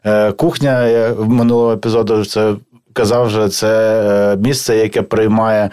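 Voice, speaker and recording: A man hosting a podcast in casual chat, relaxed and talkative, swearing now and then. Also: lowish voice, normal speed, smooth. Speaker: podcast host and chef.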